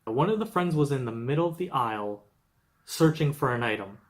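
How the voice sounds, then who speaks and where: A man's voice: medium pitch, expressive, brisk. A young man from Canada narrating a scripted travel vlog, explaining things steadily with light humor. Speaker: travel vlogger.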